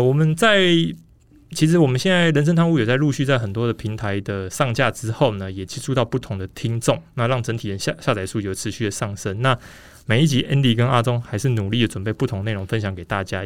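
A man's voice: mid-range voice, no room sound. A man with a Taiwanese Mandarin accent hosting a casual podcast in a rambling, explanatory way, slightly muffled by a face mask. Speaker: podcast host.

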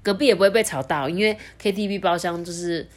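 Taiwanese-accented woman storyteller, slightly lower voice. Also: fast. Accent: Taiwanese Mandarin. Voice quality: slurred, non-standard pronunciation. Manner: expressive, addresses child listeners directly. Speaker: storytelling podcast host, mother. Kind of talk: children's storytelling and chat.

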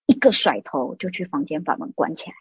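A young woman from southern Taiwan with a Taiwanese Mandarin accent, telling a story in casual podcast chat and acting out the people in it with big jumps in pitch. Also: fairly quick, breathy edge, no room sound, poor audio. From Kaohsiung, southern Taiwan. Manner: animated, acts out quoted voices with big pitch jumps. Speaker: guest storyteller.

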